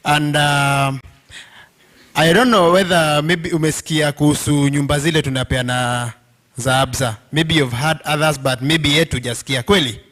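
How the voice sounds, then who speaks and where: A man's voice: fairly high pitch, fairly even intonation, moderate pace, fairly bright tone. A man with a Kenyan accent giving an informal presentation to a group, often checking in with listeners as a representative speaker. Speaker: bank representative presenting to union members. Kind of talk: informal presentation mixing English and Swahili.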